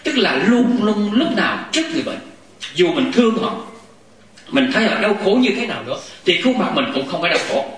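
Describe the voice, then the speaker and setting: Guy giving a buddhist talk, lively and laughing a lot, big echo, mic way off. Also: high voice, fairly quick. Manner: animated, often laughing, acts out quotes. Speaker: Buddhist lay teacher. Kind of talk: dharma talk to a gathering. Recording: echoey hall, mic far off.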